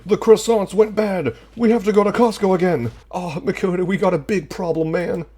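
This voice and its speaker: A man voicing a loud, panicky young man in a comedic visual novel reading. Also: sits high, fairly even intonation, moderate pace, breathy edge, pitched above the performer's own voice. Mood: panicked. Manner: yelling, frantic.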